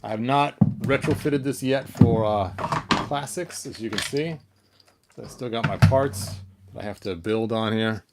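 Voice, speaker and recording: Heavy background noise surrounds a man with a medium-pitched voice who talks at a measured pace. A toy collector hosting a story-time video, he handles action figures and keeps up a casual, playful chat, often muttering to himself.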